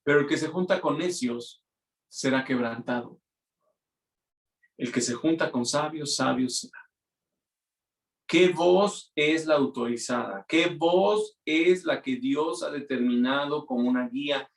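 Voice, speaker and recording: A man's voice: medium pitch, slow, recorded from a distance. A man preaching a conversational sermon as pastor, often acting out quoted voices. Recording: roomy echo, mic from afar.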